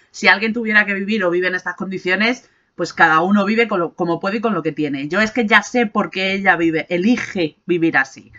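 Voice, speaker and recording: A woman from Spain with a Spanish accent, adding a calm, explanatory voice-over note while editing. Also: mid-range voice, dull audio. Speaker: vlogger. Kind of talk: edited voice-over aside.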